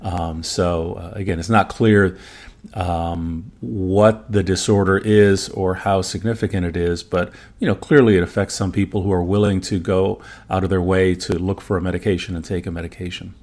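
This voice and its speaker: With a darkish, fairly low voice that barely moves in pitch, a native German-speaking man explains research findings as a podcast's medical expert. It's an informal conversational review of evidence, measured and full of qualifications.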